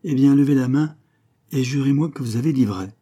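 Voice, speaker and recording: Cunning young dandy, read by a man, composed, commanding, mellow, husky. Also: mid-range voice, fairly quick, voice pushed up, lightly acted.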